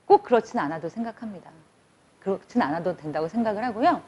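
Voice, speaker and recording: A woman giving a lively, conversational public lecture to an audience. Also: mid-range voice, fast, husky. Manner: lively, conversational, acts out quotes. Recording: dull lo-fi recording.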